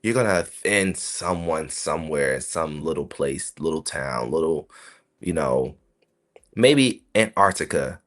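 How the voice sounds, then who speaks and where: Deep-voiced man chatting on a podcast. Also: animated, a little slow, a bit bright. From South Carolina, USA. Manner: chatty, rambling, frequent asides to listeners. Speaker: podcast host. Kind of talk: casual solo podcast commentary.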